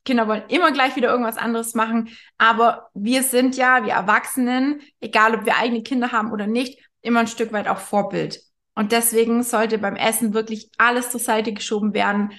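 A woman's voice: fairly high pitch, fairly bright tone. A woman nutrition coach giving casual spoken advice, chatty, with frequent tag questions and restarts. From Germany.

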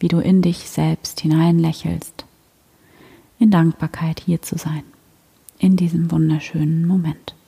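Slow, breathy woman guiding a soothing meditation. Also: sits low, little pitch movement. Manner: gentle, hushed, breathy, with long pauses. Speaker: guided meditation leader. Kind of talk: slow soothing guided meditation, like a sleep story narrator. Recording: long hall-like reverb.

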